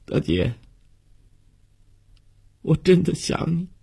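A man's voice: low voice, takes it slowly, gravelly, a little mellow, slightly rough, voice pushed up, full character voice. A man voicing the tearful ghost of a young man saying farewell in a told story, his words choked and broken. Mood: longing.

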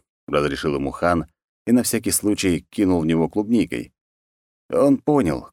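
A man's voice: deep voice, a little mellow, dry recording, studio quality. A man reading an audiobook in a wry, mocking storytelling manner. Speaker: audiobook narrator. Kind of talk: scripted narration.

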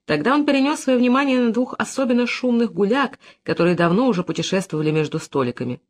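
Audiobook narrator, man, expressive and dramatic, wide lively pitch. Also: fast.

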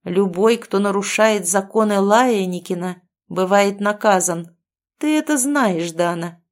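A woman's voice: a little high, big pitch swings, unhurried, pitched above the performer's own voice. A woman reading an audiobook voices a grim, vengeful middle-aged woman who leads a cult, speaking with menace and hissed anger. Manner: menacing, hissing through clenched anger. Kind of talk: audiobook character voice.

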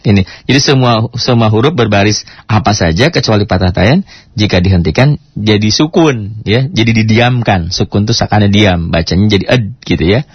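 A man teaching Quran recitation, chatting casually and breaking into slow chanted demonstrations. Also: fairly low pitch, slightly rough, no echo. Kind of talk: tajwid lesson with recited demonstrations. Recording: dry, dull lo-fi radio recording.

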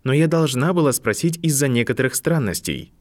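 A man reading an audiobook, voicing a composed older woman professor who speaks softly and sympathetically. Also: medium pitch, lively intonation, voice pushed up, lightly acted. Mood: gentle. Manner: soft, sympathetic, measured. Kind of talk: audiobook narration.

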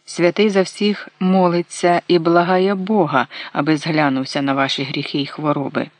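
Calm stern old-world elder man, narrator reading him, measured and plain, dry close sound. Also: mid-range voice, dry recording, natural voice.

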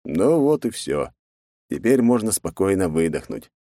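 Male audiobook narrator, low voice, expressive, lively pitch, dry close sound. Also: a little slow, no echo.

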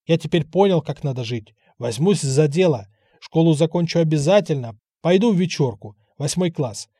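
A man voicing an excitable, boastful young man just back from the army, talking in an eager rush. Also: a little high, breathy edge, no room sound, clean studio sound. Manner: rushed, eager to prove himself.

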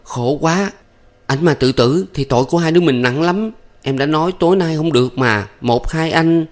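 A man reading a story, voicing a frantic, quarrelsome young village woman with shrill, panicked cries. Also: normal speed, a little mellow, lightly acted. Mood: whining.

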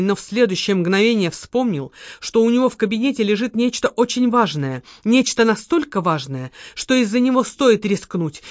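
A woman's voice: medium pitch, a little mellow, dry recording. Woman reading an audiobook, dry sound. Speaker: audiobook narrator. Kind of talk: scripted narration.

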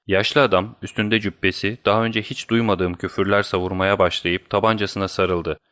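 A man narrating an audiobook in a steady, measured storytelling voice. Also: fairly low pitch.

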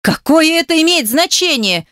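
A woman voicing an enraged jealous man who accuses his partner harshly and swears roughly. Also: mid-range voice, fairly quick, no echo, clean studio sound, natural voice. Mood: indignant.

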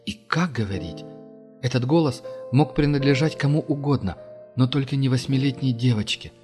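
A man's voice: medium pitch, normal speed, darkish tone. Male audiobook narrator over faint music. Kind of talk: scripted narration.

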